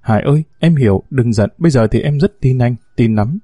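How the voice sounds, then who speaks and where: A man's voice: mid-range voice, lively intonation, a little fast, warm tone, slightly rough, no room sound, studio quality. A man voicing a scheming, domineering female gang boss who talks with a sneer in a storybook reading. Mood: coaxing. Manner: sneering, swaggering talk.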